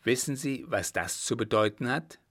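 A man's voice: medium pitch, animated, normal speed, a bit bright. A man reading aloud, voicing a proud, hot-tempered young nobleman who talks indignantly and demands satisfaction.

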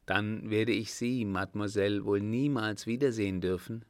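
A man voicing a courteous, proud young army lieutenant in a measured audiobook reading. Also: on the low side, no room sound, clean studio sound, natural voice. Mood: earnest.

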